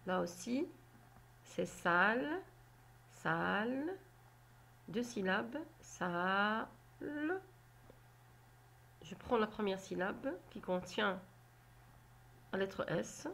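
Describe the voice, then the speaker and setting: A woman teaching a phonics lesson to children, sounding out syllables slowly and deliberately. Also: medium pitch, expressive, gravelly, a bit bright. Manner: slow, deliberate, spelling out syllables.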